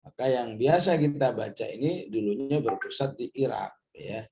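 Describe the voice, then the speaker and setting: A middle-aged man from Indonesia teaching a Quran study lesson, explaining patiently, checking in with "ya" and reciting Arabic verses slowly. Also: medium pitch, expressive, vocal fry, mellow.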